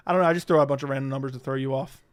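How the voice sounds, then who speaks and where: Smooth-voiced young man chatting on a livestream. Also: mid-range voice. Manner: rambling, profane, answers chat questions. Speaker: livestream host. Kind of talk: casual livestream chat.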